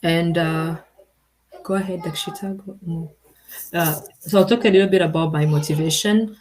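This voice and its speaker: A woman's voice: on the low side, fairly even intonation, moderate pace, a little mellow. A young woman from Rwanda giving a research presentation as a PhD candidate, hesitant with many fillers.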